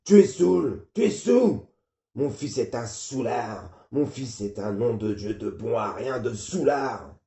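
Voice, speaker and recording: A man's voice: medium pitch, lively intonation, slow pace, mellow. A man voicing an enraged father who bellows insults at his drunk son. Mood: raging. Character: furious drunk-hating old father, bellowing. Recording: muffled, roomy.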